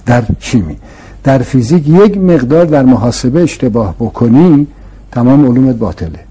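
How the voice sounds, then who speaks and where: Man with a dark, husky voice explaining patiently. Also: mid-range voice, animated. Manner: patient, emphatic, uses rhetorical questions and repetition. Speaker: scholar explaining philosophy to an interviewer. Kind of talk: explanatory conversational lecture.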